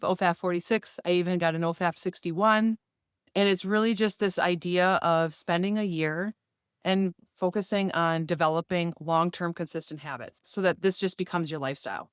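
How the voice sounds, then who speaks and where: A fitness vlogger in her forties talks straight to the camera in a casual, earnest way, looking back on her fitness year. Her voice is fairly low and smooth, recorded with clean studio sound and no echo.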